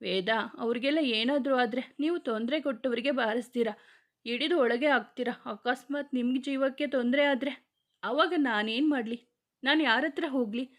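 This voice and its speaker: A woman's voice: high-pitched, normal speed, natural voice. A woman reading the part of a worried young wife who pleads and argues emotionally. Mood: pleading.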